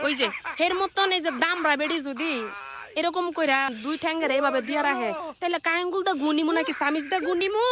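A woman with a colloquial Bangladeshi accent, ranting sarcastically in a scolding reaction video, recorded on a phone. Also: very high-pitched. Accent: Bangladeshi colloquial Bengali. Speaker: content creator.

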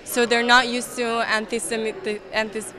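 A woman's voice: fairly high pitch, flat delivery, a crowd in the background. Young woman with an Austrian accent. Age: 20s. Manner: earnest, measured, with hesitant restarts. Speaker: interviewee, soldier. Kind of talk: event interview. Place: indoor event hall, crowded.

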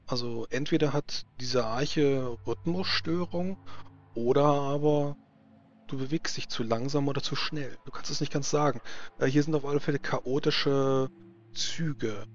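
A man with a medium-pitched voice narrates a tabletop role-playing game as game master, speaking at a measured pace and searching for his descriptions. The mic sounds slightly muffled, with faint noise.

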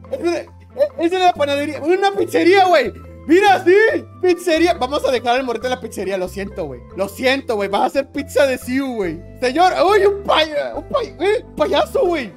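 A woman with a Mexican accent giving excitable, joking gameplay commentary, dropping slang constantly. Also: sits high. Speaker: gaming YouTuber.

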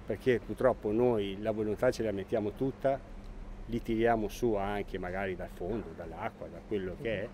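A man's voice: fairly low pitch, steady tone, moderate pace, mellow, slight background noise. A man, a fisherman in a casual interview, earnest and searching for words.

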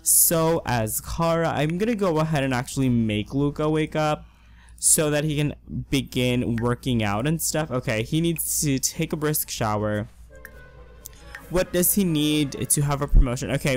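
A young man with a fairly high voice gives casual gameplay commentary as a let's play host. He sounds hoarse, as if he is losing his voice, and he talks in a chatty, excitable way, gushing with slang. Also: moderate pace, soft background music.

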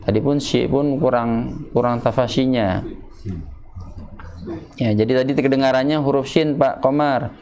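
A man's voice: medium pitch, fairly even intonation, a little slow, long pauses, a little mellow. Patient man teaching recitation. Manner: patient, demonstrates letter sounds by repeating syllables. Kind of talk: tajwid lesson at a home study circle. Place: home gathering room.

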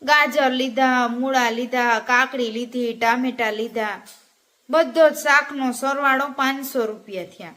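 A woman's voice: high-pitched, fairly even intonation, unhurried, fairly bright tone. A woman from Gujarat, telling cheeky jokes in a chatty, teasing monologue and talking straight to viewers. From Gujarat, India. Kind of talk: casual joke-telling monologue.

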